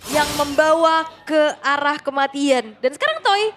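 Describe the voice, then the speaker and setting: A woman's voice: high-pitched, animated, a little slow, noisy background. A woman with an Indonesian accent giving live commentary on an esports match as a caster. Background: music.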